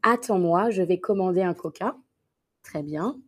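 A woman teaching a live online French lesson, patiently reading dictation sentences and correcting students' answers. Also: lowish voice. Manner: slow, patient, encouraging; repeats practice sentences slowly and clearly.

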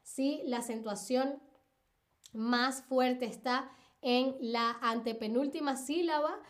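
Female teacher, high voice, unhurried delivery, patient live-stream lesson with lots of repetition. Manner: patient, repeats examples and asks "¿ok?".

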